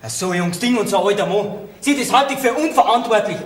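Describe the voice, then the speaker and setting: A man's voice: high voice, quick pace, natural voice. A young actor with a Bavarian accent, playing an earnest, teasing young man in a folk comedy. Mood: indignant. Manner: righteous, teasing. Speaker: stage actor. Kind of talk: folk theater comedy acting. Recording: echoey stage recording.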